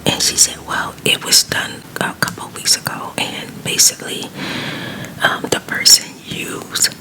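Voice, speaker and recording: Woman whispering a quiet ASMR storytime. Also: unhurried. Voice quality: breathy unvoiced whisper. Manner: conversational, rambling storytelling with asides.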